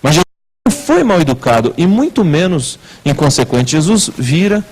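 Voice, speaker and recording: A man preaching a sermon as pastor in a church, asking rhetorical questions with wide swings in pitch and loudness. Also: sing-song, normal speed, husky, low-quality recording.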